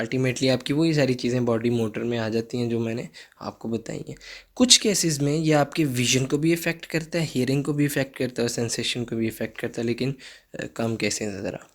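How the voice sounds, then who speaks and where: A man's voice: medium pitch, creaky. A young man giving a recorded online psychology lecture, repeating key points and telling students to take notes.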